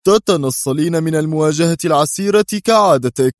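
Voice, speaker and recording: A man's voice: a little high, expressive, moderate pace, no room sound, soft background music. A nervous, snappish male president, voiced by a male narrator in an audiobook. His lines rise a little and come out tense. The sound is dry and close. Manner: tense, irritable. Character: nervous irritable male president, middle-aged.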